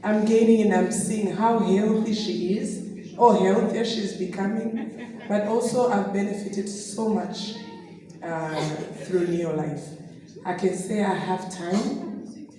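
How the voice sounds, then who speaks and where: Speaking in a mellow, mid-range voice, a middle-aged Tanzanian business distributor gives a personal, anecdote-filled testimony as a guest speaker, laughing often. She is still recovering from a sore throat. The recording, made from far away in an echoey hall, has slight background noise.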